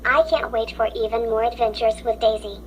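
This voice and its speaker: A woman's voice: fairly high pitch, steady tone, brisk, slight background noise. A synthetic woman's voice with a robotic text-to-speech sound, reading children's stories aloud in a stiff, mechanical way. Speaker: story app narrator.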